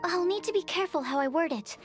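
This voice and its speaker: Playing a bashful, bookish young alchemist for a video game, a woman speaks in an extremely high, expressive voice and talks fast, yet her manner stays hesitant, careful, and analytical. The mood is earnest and polite, and music plays behind her.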